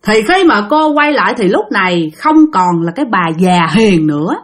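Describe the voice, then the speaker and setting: A woman's voice: medium pitch, big pitch swings, moderate pace. A woman telling a ghost story in a chatty, dramatic way, talking straight to her listeners.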